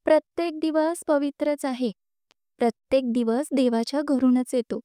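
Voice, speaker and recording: A man's voice: very high voice, moderate pace, mellow, smooth, dry recording, clean studio sound. A woman narrator voicing a stubborn male landlord who brushes off warnings with confidence. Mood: dismissive. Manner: dismissive, confident. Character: stubborn, fearless village landlord.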